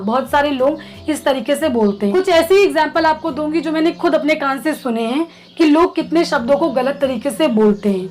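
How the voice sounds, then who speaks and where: A woman casting director giving clear, patient tips to aspiring actors in an instructional vlog. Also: sits high.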